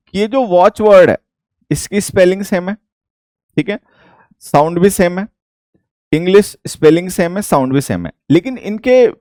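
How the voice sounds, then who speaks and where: An English teacher from India with an Indian accent, explaining a lesson slowly and repeating each point. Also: male voice, high-pitched, a little mellow, no echo, studio quality.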